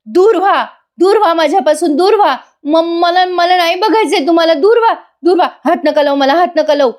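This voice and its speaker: A woman voicing a frightened middle-aged woman who screams and pleads in panic from a TV serial scene. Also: brisk. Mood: frantic screaming. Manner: shrill, frantic shouting.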